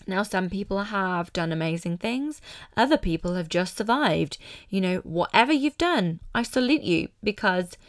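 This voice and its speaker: A woman's voice: medium pitch, animated, normal speed, dry recording, studio quality. A British woman hosting a solo podcast, talking informally and candidly with an emphatic, motivational manner. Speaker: podcast host.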